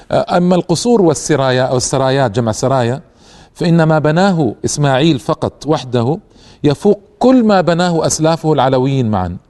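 A man's voice: on the high side, darkish tone. A man presenting a history lecture in formal Standard Arabic, in a didactic manner that speaks straight to the listener. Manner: didactic, addresses listeners with rhetorical questions and asides. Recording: long hall-like reverb.

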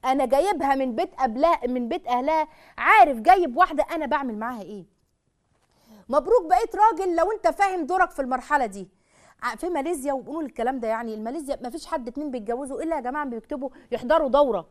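A woman's voice: sits high, rapid-fire. A woman with an Egyptian Arabic accent giving a religious talk on marriage, asking rhetorical questions and speaking straight to her listeners. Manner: animated, rhetorical questions, addresses audience directly. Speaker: Islamic lecturer.

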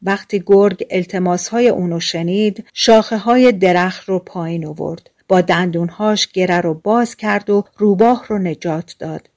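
A woman with a fairly low voice narrates a fairy tale for an audiobook. She tells it gently and at a measured pace.

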